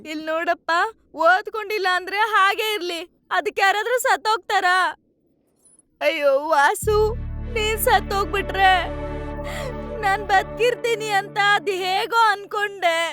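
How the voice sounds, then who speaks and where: A desperate grieving mom, very high bright voice, film drama. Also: female voice, moderate pace, faint music behind. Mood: anguished. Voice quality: anguished, pleading. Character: grieving mother of a young man. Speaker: distraught mother.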